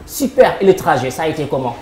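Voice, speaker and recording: A woman's voice: deep voice, very animated, fast talker, a little mellow. A woman hosting a live TV word game, upbeat, cueing applause and greeting viewers. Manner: upbeat announcer, cues applause and addresses viewers. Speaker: game show host. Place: TV studio. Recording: echoey studio with faint noise.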